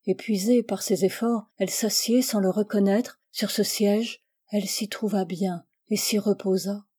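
A woman reading a novel aloud with measured, expressive narration. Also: mid-range voice, slightly rough. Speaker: reader.

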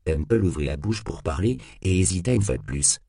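Deep, gravelly man narrating an audiobook. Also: animated, brisk, mellow, no room sound, clean studio sound.

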